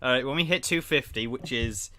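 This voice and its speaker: A young man chats on a live-streamed podcast, rambling from one story to the next. His voice is bright and a bit tense. He often talks over his co-host. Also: mid-range voice, a little fast. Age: young adult. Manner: rambling, chatty, talks over the other speaker. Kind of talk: casual chat on a live stream.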